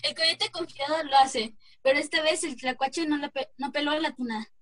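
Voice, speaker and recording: A woman with a Mexican accent narrating a folk tale in a plain, slightly halting reading voice. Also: high voice, fairly even intonation, fairly bright tone, no room sound. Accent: Mexican Spanish.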